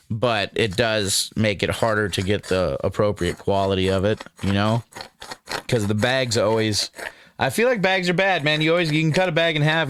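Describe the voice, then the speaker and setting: A man's voice: medium pitch, a bit bright, clean tone. A laid-back young man giving a rambling, casual review to camera, calling the viewer dude and man. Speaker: cannabis strain reviewer.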